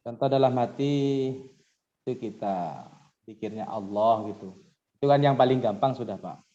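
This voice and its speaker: A man's voice: on the low side, normal speed, dark tone. Man on a muffled phone line. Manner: polite, hesitant, searches for words. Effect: heard over a phone line. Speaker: caller in a religious Q&A. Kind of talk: casual question-and-answer chat.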